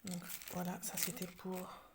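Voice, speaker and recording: French woman, low-pitched, hesitant, full of fillers, soft near-whispers, faint background noise. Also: completely flat delivery, unhurried. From France. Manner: hesitant, many fillers and restarts; drops to soft near-whispers while showing details. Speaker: craft vlogger. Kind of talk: casual show-and-tell.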